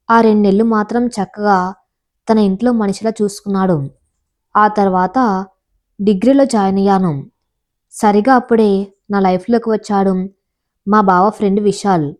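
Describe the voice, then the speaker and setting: A young woman telling a first-person moral story in a calm, confiding tone. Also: medium pitch.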